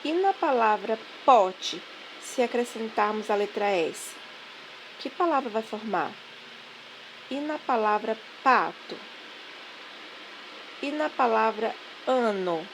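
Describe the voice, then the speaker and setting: A woman teacher giving a language lesson, dictating syllables slowly and clearly. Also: fairly high pitch, lively intonation, a little hiss or hum, poor audio. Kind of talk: online classroom lesson.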